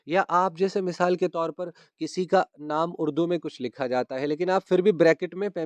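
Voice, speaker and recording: A male teacher with a slightly high voice explains a grammar lesson patiently. He repeats the key terms and keeps asking whether his students follow. The recording is close and dry. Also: darkish tone, no echo.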